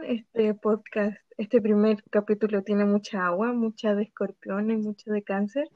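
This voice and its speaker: A woman from southern Chile introducing herself on a podcast in a measured way. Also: a little high, dry recording, lo-fi sound. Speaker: podcast guest. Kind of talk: casual self-introduction.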